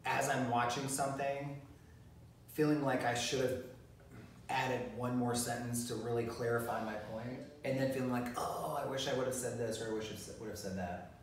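A middle-aged man co-hosting a casual chat rambles with lots of fillers and restarts, his medium-pitched voice fairly even in intonation and normal in speed. He's seated on a leather sofa in a living room, recorded by a phone camera from across the room. The room is very echoey, his voice is off-mic and distant, and there's a little hiss or hum.

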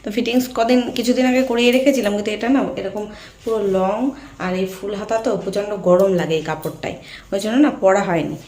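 A young Bengali woman from India, chatting casually to her viewers in a home vlog, her voice a little hoarse from a sore throat. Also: mid-range voice, brisk, a little mellow. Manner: chatty, addresses viewers directly with fillers. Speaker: vlogger. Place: at home, in and out of doors.

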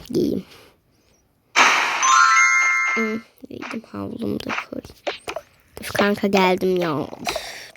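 A woman's voice: mid-range voice, creaky, background noise. A woman vlogging casually, talking to her viewers as friends and often dropping into whispered asides. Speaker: prank vlogger.

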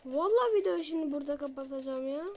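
A woman's voice: high voice, lively intonation, quick pace, darkish tone, slight background noise. A woman giving frustrated gameplay commentary, dramatic and exasperated, swinging between mutters and outbursts. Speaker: gaming video creator.

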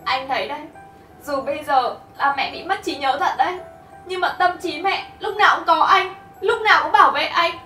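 A woman's voice: sits high, normal speed, bright, forceful tone. An actress playing a devoted young wife who presses her husband with reproachful questions. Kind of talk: melodrama acting. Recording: roomy, distant mic, music behind.

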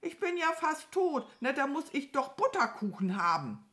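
A woman's voice: high-pitched, sing-song, normal speed, pushed and bright, voice pushed up, heavily acted. A woman voicing a greedy, dramatic female crow who whines and complains theatrically. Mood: whimpering.

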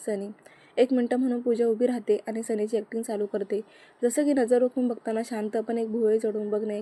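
A woman reading a romantic story aloud in a soft, intimate way, speaking both lovers' lines herself. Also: a little high. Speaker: narrator. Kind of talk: storytelling narration with dialogue.

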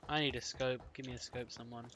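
A man's voice: mid-range voice, fairly even intonation, brisk, fairly bright tone, slight background noise. A man chatting casually while playing a game, muttering to himself as he loots. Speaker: player.

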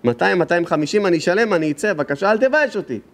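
A man's voice: high voice, animated, pitched above the performer's own voice. A man voicing a desperate, humiliated guest who keeps begging not to be shamed. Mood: pleading. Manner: pleading, repeating himself, rushed.

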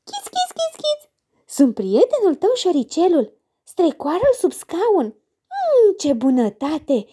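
Cast a tiny friendly storybook mouse: very high and squeaky, chirping, with wild swoops in pitch. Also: female voice, wildly swooping pitch, mellow, full character voice. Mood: chirpy. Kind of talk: storybook character voice.

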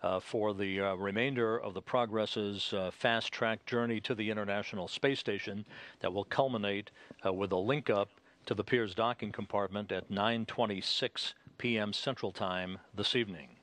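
A man giving live spaceflight broadcast commentary as a mission control commentator, in a measured, halting official delivery. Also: fairly low pitch, fairly even intonation, a bit bright.

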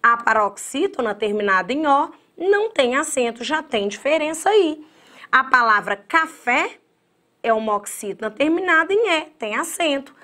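A woman teaching an online exam-prep grammar lesson in a lively, chatty way, talking straight to her students. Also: high voice, normal speed. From Brazil.

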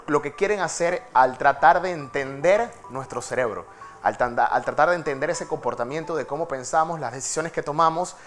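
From a TV news studio, a man from Panama delivers a conversational tech segment in a dramatic, chatty style with fillers. His voice is mid-range and fairly bright.

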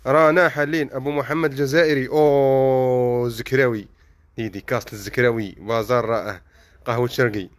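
A man's voice: medium pitch, steady tone, fast talker. A man with an Algerian Arabic accent hosting a casual live stream from a household-goods bazaar, greeting viewers and calling out the goods on offer. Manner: calls out greetings and prices, inviting viewers. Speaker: live-stream host touring a shop. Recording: background noise with clattering dishes.

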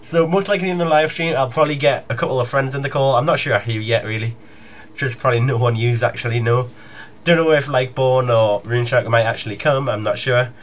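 A young gaming YouTuber makes a casual, rambling announcement to his viewers in an informal manner. His medium-pitched voice moves a little fast, and the home recording is muffled, lo-fi, and noisy.

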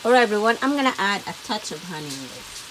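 A woman's voice: medium pitch, very animated, fast, background noise. A woman hosting a home cooking video, chatting to viewers as "everyone" while she narrates each step at the stove. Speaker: cooking channel host. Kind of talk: casual cooking demonstration. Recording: home kitchen with loud sizzling pan. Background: loud frying and sizzling.

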